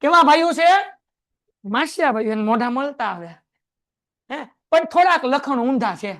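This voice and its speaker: A man with a Kathiawadi Gujarati accent teaching an accounting class in a classroom, firing quick questions at his students. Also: extremely high pitch, expressive, a bit bright. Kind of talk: lively classroom lecture. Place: classroom with a board.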